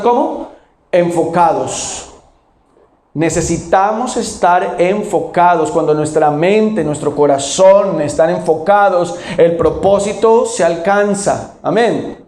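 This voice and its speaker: A male pastor with a high voice preaches to his congregation. He keeps asking questions and answers them himself. The echo of a large church hall carries his voice. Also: a little mellow. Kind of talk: sermon.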